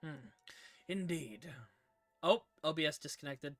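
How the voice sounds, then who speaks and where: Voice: mid-range voice, unhurried, no echo, soft background music. A game master running a tabletop game on stream, talking casually and cursing when the tech breaks. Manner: casual, swears at tech trouble.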